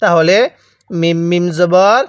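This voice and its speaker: A man with a high, smooth voice leads a Quran reading lesson. He spells out letter after letter in a slow, drilled rhythm and tells the learner to repeat after him. The sound is dry and close. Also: steady tone, dry recording. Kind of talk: recitation lesson, call and repeat.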